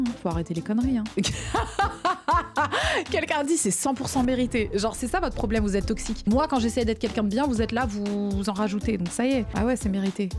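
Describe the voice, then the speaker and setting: A woman's voice: mid-range voice, dark tone. A young woman hosting a reaction video, chatty and teasing, dropping English phrases into her commentary. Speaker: YouTube host reacting to a dating show. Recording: music playing under the voice. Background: background music.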